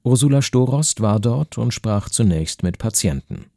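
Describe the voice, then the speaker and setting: A man presenting a radio news feature, reading a scripted introduction in a calm, measured way. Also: lowish voice, vocal fry, no room sound, studio quality.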